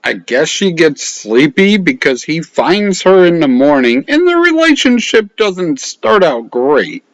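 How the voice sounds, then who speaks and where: A man's voice: on the high side, sing-song, unhurried, hardly any pauses, no room sound, poor audio. A man narrating a casual comedic movie review in a sarcastic, profane way. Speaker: film reviewer.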